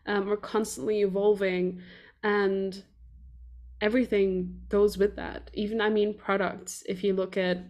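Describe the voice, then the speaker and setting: A woman's voice: medium pitch, flat delivery, a little slow, darkish tone. A woman hosts a laid-back podcast in a mid-range voice. She talks in loose, rambling stretches, circling around her points and thinking aloud, with an easy conversational flow. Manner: rambling, loose, lots of fillers and restarts. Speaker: podcast host.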